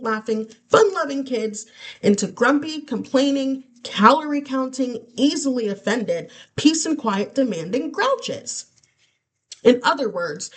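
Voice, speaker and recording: Female reader for a kids' chapter book, playful and animated, higher pitch. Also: slightly rough. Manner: lively, playful, wide-ranging delivery. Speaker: storyteller. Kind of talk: children's book read-aloud.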